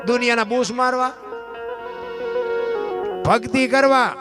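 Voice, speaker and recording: High-voiced storyteller over guitar. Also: male voice, slow pace. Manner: rhetorical questions, addresses listeners as bapu. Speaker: folk storyteller. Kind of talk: preachy folk sermon. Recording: guitar music behind.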